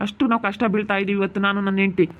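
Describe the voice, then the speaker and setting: A man's voice: sits high, level tone, rapid-fire, a bit bright, dull audio. A man playing an angry young husband who keeps scolding. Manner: heated, repetitive scolding. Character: angry young husband guarding his sick wife. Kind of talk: amateur village family drama.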